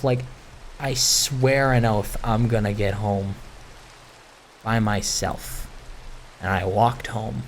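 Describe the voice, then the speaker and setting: Over gameplay, a young gaming video maker rambles through personal stories in a casual, candid way, introspective and halting as he questions himself. His voice is medium-pitched, with slight background noise.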